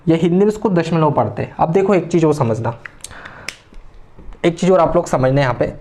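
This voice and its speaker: A man's voice: on the high side, fairly quick, warm tone. A man giving a maths lecture, explaining patiently step by step and often adding tag questions. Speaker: maths teacher. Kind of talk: classroom lecture.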